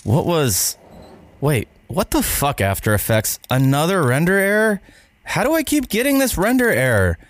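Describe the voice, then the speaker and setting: A man's voice: fairly low pitch, normal speed, voice pushed down. A man playing a panicky frazzled editor. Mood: frustrated. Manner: yelping, excitable outbursts. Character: frazzled young male video editor, panicky.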